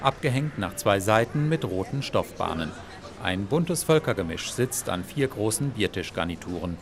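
A man narrating a news report in a measured, scripted voice-over. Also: fairly low pitch, sing-song, a crowd in the background.

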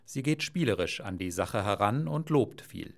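A man narrating a news report in a measured, scripted voice-over. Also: lowish voice, expressive, vocal fry, background noise.

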